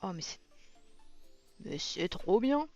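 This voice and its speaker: In a mid-range, slightly mellow voice with a sing-song lilt and slow pace, a woman reviews a colouring book live. Her remarks are relaxed and eager, full of awe, and the muffled audio carries music underneath.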